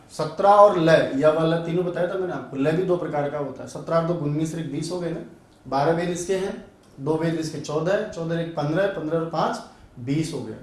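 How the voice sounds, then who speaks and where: A male Sanskrit teacher giving an online grammar lesson, drilling sounds aloud and asking and answering his own questions. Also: fairly high pitch. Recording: very echoey room, voice a bit far from mic.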